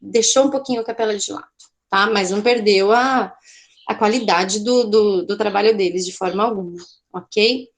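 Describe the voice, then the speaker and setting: A woman's voice: mid-range voice, moderate pace. A woman teaching an online art class, explaining in a chatty way with a Brazilian Portuguese accent, often checking in with her students and correcting herself.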